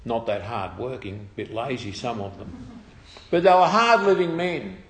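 An Australian man telling a personal testimony story in a halting way, with restarts and trailing phrases. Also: medium pitch, expressive, a bit bright, roomy sound, a little hiss or hum.

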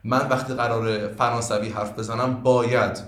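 Male language teacher from Iran, earnest and lecturing, with frequent fillers. Mid pitch, recorded in a reverberant room. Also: little pitch movement, fairly bright tone. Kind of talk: podcast interview answers.

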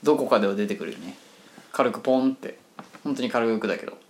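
A man co-hosting a podcast in casual chat, giving playful teasing quiz hints in drawn-out single syllables. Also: fairly low pitch, expressive. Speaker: podcast co-host.

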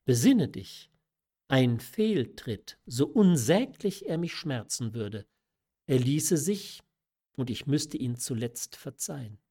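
A man's voice: mid-range voice, animated, slow, dark tone, slightly rough, exaggerated voice. A man reading aloud who voices a stern, reproachful aristocratic mother in a classic story. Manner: reproachful, agitated. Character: stern aristocratic mother, middle-aged woman. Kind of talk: audiobook reading of a classic novella.

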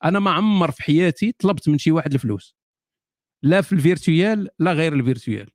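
Fast-talking Moroccan man, jokey host. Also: on the high side, expressive, no room sound, clean studio sound. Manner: jokey, laughs often, sardonic asides. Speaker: host answering viewer questions. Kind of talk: casual live Q&A.

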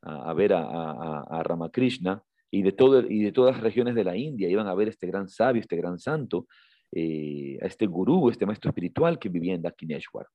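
A low-voiced man telling a long story on a podcast, stumbling over and repeating words as he goes. The sound is dry and a little dull. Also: expressive, no room sound. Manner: halting, repeats words, acts out quotes with raised pitch. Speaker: podcast co-host. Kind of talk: casual storytelling chat.

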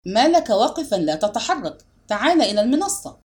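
A woman's voice: on the high side, very animated, a little fast, a little mellow. A woman reading a story aloud, voicing a stern but kindly male law professor who speaks firmly and commandingly to a lecture hall. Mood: insistent. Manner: firm, commanding, raises voice to the hall.

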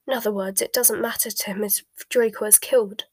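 Casting: woman narrator playing grave, curt man, a spy, measured and emotionally closed, slightly husky, storybook. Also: no room sound, lightly acted. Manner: flat, low, measured. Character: cold, controlled male spy, grave and curt.

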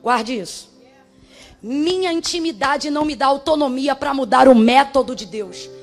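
Woman preacher, high voice, fiery sermon with shouted refrains and tongues, faint music bed. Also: normal speed.

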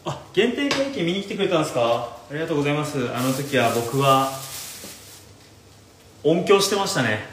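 A man's voice: on the high side, big pitch swings, brisk, background noise. Young man chatting over frying. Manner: chatty, reads viewer comments aloud and answers them. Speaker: live-stream radio host. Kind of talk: casual chat while cooking. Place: home kitchen, indoors. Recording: roomy kitchen with loud frying sizzle.

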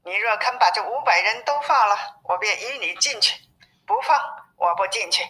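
A woman's voice: mid-range voice, animated, normal speed, bright, forceful tone, soft background music. Woman reading as a cheeky boastful monkey king. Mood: teasing. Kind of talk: storybook reading. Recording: narrow phone-like sound.

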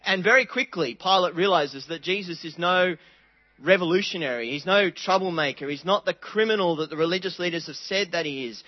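A man preaching a sermon, earnest and dramatic, reading scripture aloud with quiet pauses. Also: a little high, no room sound, muffled recording.

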